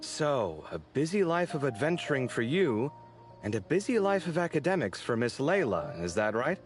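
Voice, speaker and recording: A man plays a chatty, good-natured young architect from a fantasy video game. His voice sits at an ordinary male pitch but moves expressively up and down as he talks. Soft game music plays in the background. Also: close to an everyday voice. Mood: concerned. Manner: warm, expressive and talkative, quick to apologize.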